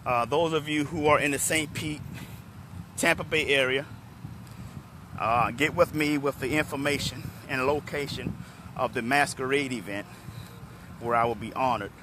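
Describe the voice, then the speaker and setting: In a live-streamed talk recorded outdoors in a tree-lined parking lot, a middle-aged motivational speaker from Washington, D.C. holds his phone at arm's length and addresses viewers by name. His hoarse, medium-pitched voice moves at a moderate pace with frequent pauses, relaxed and chatty, over background noise.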